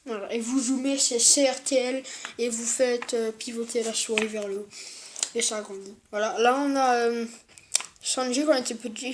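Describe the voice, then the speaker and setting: A speaker presenting an unboxing video in an informal, halting and repetitive way, with speech affected by new dental braces. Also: medium pitch. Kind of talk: casual unboxing commentary, partly reading aloud. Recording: clearly noisy home-made recording.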